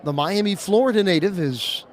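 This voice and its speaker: A man calling a baseball game as play-by-play announcer on the radio, rising to excited calls on big pitches. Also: moderate pace.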